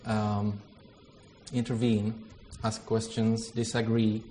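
Slowly and in a monotone, a Czech-accented man opens a theology workshop, his dark voice on the low side. He's hesitant and self-deprecating, with plenty of fillers, in an informal talk with a prayer, and the recording carries a little hiss or hum.

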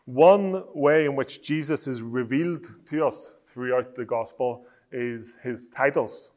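A man from Northern Ireland gives a teaching talk on preaching in a Northern Irish accent. His voice is medium-pitched and a little mellow, and his delivery is measured and explanatory, with frequent restarts.

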